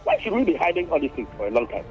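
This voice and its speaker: A man's voice: fairly high pitch, big pitch swings, very fast, faint music behind. A man calling into a radio show, fervent and impassioned, repeating himself. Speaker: radio caller. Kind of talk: phone-in call. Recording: dull phone line into radio.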